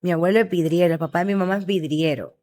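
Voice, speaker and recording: This interview guest, a middle-aged woman from Honduras who started a restaurant, talks fast in a fairly low voice. She recounts her experiences with lively enthusiasm.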